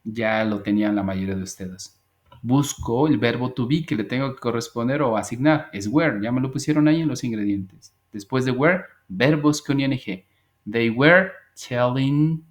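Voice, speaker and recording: A man teaching an online English class, talking over a video call at a middle pitch. He is patient, repeats words and slows down to drill pronunciation, like a teacher walking students through each step. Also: a little mellow.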